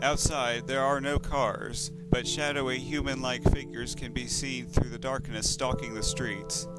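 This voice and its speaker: A man narrating a horror story in a steady, descriptive way. His voice sits at a middle pitch, and loud eerie video game music plays behind him throughout. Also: measured pace, low-quality recording. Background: loud game music score.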